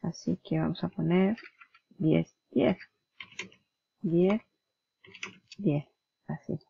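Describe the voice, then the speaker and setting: Lady from doing a screen tutorial, chatty step by step, pretty dry dead sound, a bit of fry. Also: on the low side, extremely slow, dry recording. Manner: chatty, explains step by step, mimics clicks and flips aloud. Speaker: tutorial host. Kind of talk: screen-recorded software tutorial. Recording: dull lo-fi dry recording.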